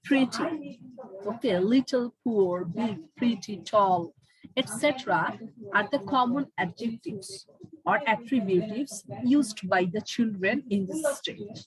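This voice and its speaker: A woman's voice: fairly high pitch, drawn-out words, crowd noise, poor audio. A woman teacher with a Bengali accent giving an online class to university students, switching between English and Bengali as she explains, while she has a headache.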